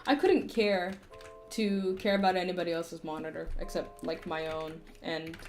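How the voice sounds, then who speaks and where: Young woman streamer, rambling casual chat with giggles and offhand swearing, soft music behind. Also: lowish voice, steady tone, normal speed.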